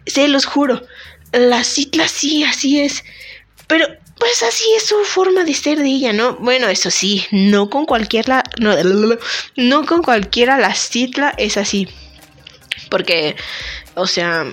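A woman's voice: high voice, animated, measured pace, a bit bright. A woman, host of a casual talk podcast, chatting to listeners in a joking, self-deprecating way while a bit sick. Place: temporary recording spot.

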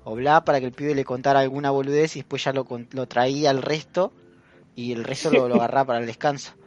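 A man's voice: medium pitch, fairly even intonation, fast talker, a little mellow, dull audio. A young man with a Rioplatense Spanish accent, chatting casually with friends in slangy talk and frequent laughter. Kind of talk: casual chat among friends.

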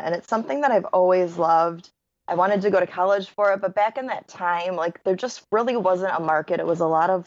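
A woman in her thirties, a wedding photographer talking as a podcast guest, bubbly and quick to laugh, with lots of "like". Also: on the low side, muffled recording. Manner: bubbly, laughs often, says "like" a lot. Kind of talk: casual interview chat.

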